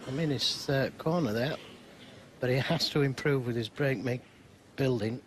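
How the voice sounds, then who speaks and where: A male snooker commentator with a mid-pitched voice speaks in short, measured phrases. He takes his time between remarks, and faint venue noise sits behind him. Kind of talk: sports commentary. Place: live snooker broadcast commentary.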